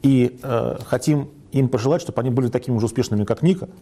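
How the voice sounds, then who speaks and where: Husky guy co-hosting a tv show, talks fast, asks the questions. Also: mid-range voice, mellow. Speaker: co-host. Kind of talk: casual TV talk show. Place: TV studio.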